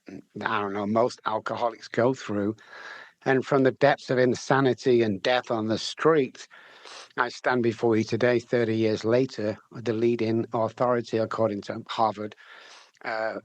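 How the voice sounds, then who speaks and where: A middle-aged Manchester man, appearing as a guest and addiction recovery specialist, tells his story candidly in an interview. His medium-pitched voice is chatty, often repeating words as he restarts, and the recording has no room sound.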